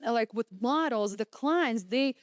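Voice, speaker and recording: A young woman from Ukraine with a Ukrainian accent, a photographer talking as a podcast guest in lively casual chat. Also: a little high, unhurried, clean tone, dry recording, clean studio sound. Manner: animated, quotes people in lively put-on voices.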